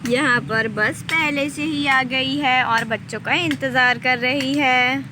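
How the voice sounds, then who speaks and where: Slow, high-voiced woman narrating a doll story. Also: background noise. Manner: calm, explanatory.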